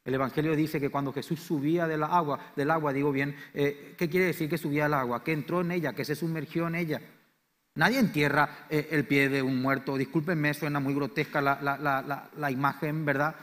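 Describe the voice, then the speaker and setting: A man with a Paraguayan Spanish accent preaching a sermon as pastor, swinging between loud, fervent declarations and quiet, low lines. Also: fairly even intonation, brisk. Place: church sanctuary. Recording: church hall reverb.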